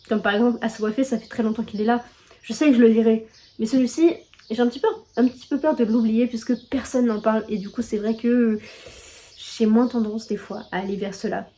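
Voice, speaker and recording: A young woman from France talks through her book haul in a loose, chatty way, leaning on filler words and poking fun at herself. Her voice sits a little high but sounds soft and mellow rather than bright. It feels like easy talk straight to the viewer. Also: steady tone, quick pace. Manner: chatty, lots of filler words, self-deprecating. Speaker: book vlogger. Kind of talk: casual book haul chat.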